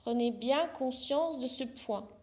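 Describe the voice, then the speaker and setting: A yoga therapist, a woman with a high voice, guides a yoga nidra meditation. She talks very slowly and calmly, offering short, soothing instructions with pauses between them, never hurrying.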